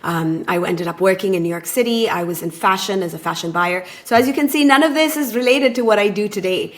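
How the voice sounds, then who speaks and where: A woman in her thirties, raised abroad, speaking as a podcast guest and relationship coach in a thoughtful, measured way. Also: medium pitch. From born in Taiwan, raised in Japan. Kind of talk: conversational podcast interview.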